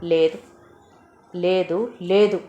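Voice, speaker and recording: Woman doing a calm, matter-of-fact male doctor. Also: on the low side, drawn-out words, echoey room, muffled recording, soft background music.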